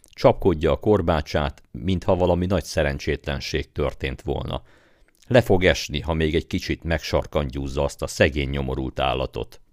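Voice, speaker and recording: A man doing a lively young slave, eager and mocking. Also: a bass voice, dry recording, clean studio sound. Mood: eager, amused. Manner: eager, brightly amused talk. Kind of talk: audiobook character voice.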